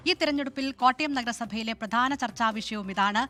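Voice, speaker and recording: A woman's voice: on the high side, a little fast, sharp tone, faint music behind. Formal female news anchor. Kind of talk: scripted news introduction.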